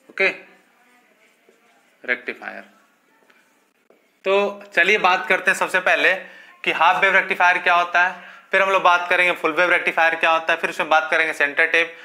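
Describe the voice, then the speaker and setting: A man's voice: a little high, sharp tone. A male physics teacher giving a classroom lecture, calling his students children and asking questions he then answers himself, with frequent repeated okays. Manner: addresses students as children, frequent fillers like okay.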